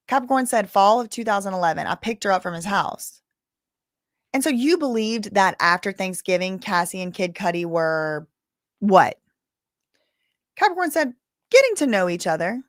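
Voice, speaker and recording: A woman with a mid-range voice hosts a casual livestream recapping court testimony from a trial. She's chatty, reading the chat aloud and reacting with gasps and exclamations. The audio is studio quality with no room sound.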